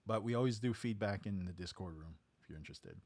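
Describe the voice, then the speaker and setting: Low-voiced man explaining studio gear. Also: fast talker. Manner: relaxed, explains step by step with "right?". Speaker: musician teaching talk box. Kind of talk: casual studio tutorial. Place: home music studio.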